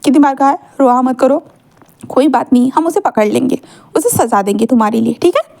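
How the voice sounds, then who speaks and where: Woman storyteller, chatty casual narration, high pitch, mellow tone, keeps checking in. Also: animated, fairly quick, gravelly. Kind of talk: casual fan-fiction narration.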